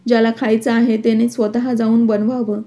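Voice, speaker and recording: A defiant, quick-tempered young wife from a narrated storybook, as a woman reads her lines. The voice sits fairly high yet stays level and even, with a soft, mellow tone. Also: lightly acted.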